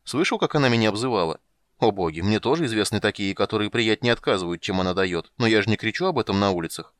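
A charming, flustered bard chatters loudly with lively swings in his voice, voiced by a male narrator. He sounds raised and exclaiming. The sound is dry and close. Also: lowish voice, fast, no room sound, lightly acted. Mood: breezy.

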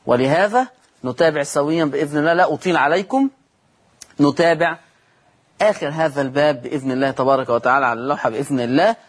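An Egyptian man teaching Quran recitation rules in a televised lesson. He asks the audience questions, answers them himself, and draws out example words slowly. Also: on the high side, husky.

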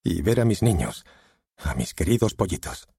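Steven is a defensive, evasive husband who brushes questions off curtly, heard in an audiobook. A man reads him in a deep, dark, husky voice. The recording is dry. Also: big pitch swings, moderate pace, dry recording, full character voice.

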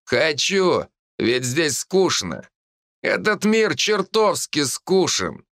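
A man voicing an arrogant male archer leading mercenaries, boastful and defiant, often shouting. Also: on the high side, very animated, takes it slowly, dry recording, studio quality, full character voice.

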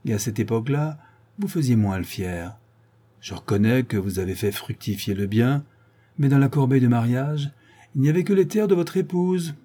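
A man's voice: mid-range voice, animated, normal speed, warm tone, slightly rough. A man voicing a blunt scolding village priest. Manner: scolding, lecturing.

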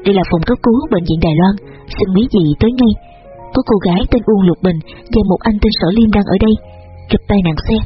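A man doing a brisk hospital caller. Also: high-pitched, lo-fi sound, faint music behind, lightly acted. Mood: urgent. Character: brisk hospital emergency staff man on phone.

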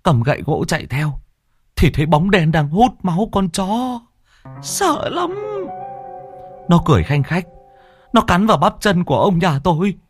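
A man's voice: very animated, unhurried, pauses often, soft background music. A man putting on a wailing, grieving village wife. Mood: distraught wailing. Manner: high sobbing lament.

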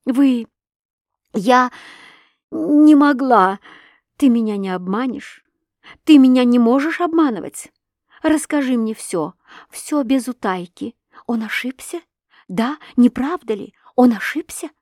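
A woman reading an audiobook, voicing a distraught young wife who pleads in a high, tearful voice. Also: lively intonation, slow pace, long pauses, darkish tone, dry recording, studio quality, exaggerated voice. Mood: pleading. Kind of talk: audiobook reading of a classic novel.

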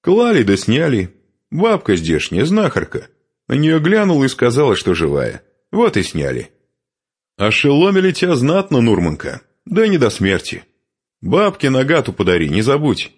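A man voicing a cheerful, self-assured young male warrior in an audiobook, jaunty and husky. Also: medium pitch, sing-song, moderate pace, voice pushed up.

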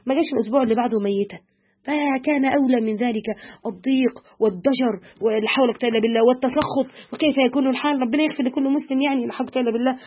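Woman, Egyptian accent, religious lesson, high-ish voice, muffled lo-fi recording. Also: slightly rough. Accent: Egyptian Arabic. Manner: fast, mixes classical recitation with colloquial asides. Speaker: religious teacher explaining hadith. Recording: dull lo-fi recording.

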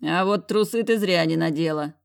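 A woman's voice: fairly low pitch, moderate pace, gravelly, clean tone. A brash, mocking man of great size and money, coarse and bossy in every word, voiced by a woman. He talks down with cocky humor, pushing his way through each scene of an audiobook. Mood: bossy teasing. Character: huge mocking billionaire boss, brash man. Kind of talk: audiobook character voicing.

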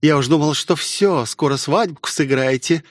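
A catty young woman, her voice pitched high and dripping with fake sweetness, as a male narrator puts her on. She taunts in a dry, close-miked audiobook recording. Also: moderate pace, dry recording, close to an everyday voice. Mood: sneering. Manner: sneering, mock-sweet. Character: scheming young woman pilot, mocking, spiteful.

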